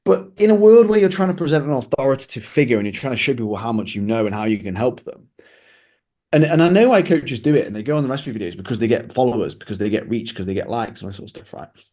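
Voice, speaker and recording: A man's voice: medium pitch, lively intonation, fast talker, mellow. A man, a fitness coach co-hosting a casual podcast, ranting sarcastically. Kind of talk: casual chat.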